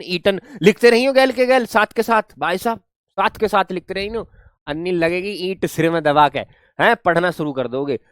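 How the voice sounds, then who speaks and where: Here a man with a high voice delivers an online English class lecture in Hinglish, recorded at studio quality without echo. He spells words letter by letter and playfully tells off his students.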